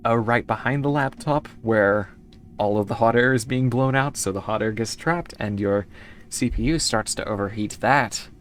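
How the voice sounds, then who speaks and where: A rumbling low voice at normal speed belongs to an American woman streaming a game, with slight background noise. She rambles in a relaxed way, replying to her chat between moves.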